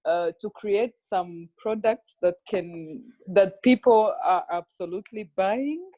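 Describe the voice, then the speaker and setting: A woman from Rwanda talks as a guest on a video call about her small business. She is cheerful but hesitant, pausing on many uhs. Her voice is mid-pitched and the sound is dry. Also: warm tone, no room sound. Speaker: entrepreneur guest. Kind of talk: casual video-call chat.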